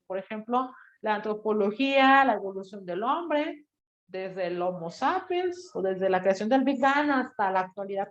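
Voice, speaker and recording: A woman teacher, giving a lively classroom lecture and listing terms with a casual "bla, bla". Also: fairly high pitch. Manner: lively, explanatory, lists terms and trails off with "bla, bla". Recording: echoey room, dull lo-fi sound.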